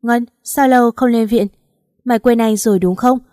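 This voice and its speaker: A woman voicing a kind, protective young male doctor who speaks gently, in a spoken story. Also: on the high side, moderate pace, no room sound, clean studio sound, close to an everyday voice. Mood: gentle. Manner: gentle, caring.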